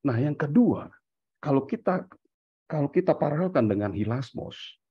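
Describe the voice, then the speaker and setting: A man's voice: on the high side, lively intonation, moderate pace, breathy edge, no room sound, muffled recording. A man on a discussion panel, reasoning aloud through theology with many fillers, self-corrections and English terms mixed in.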